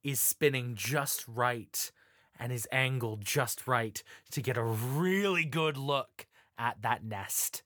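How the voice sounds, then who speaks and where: A man's voice: mid-range voice, takes it slowly, fairly bright tone, no echo, clean studio sound. A man running a tabletop game as game master, narrating the improvised action in a theatrical, playful way.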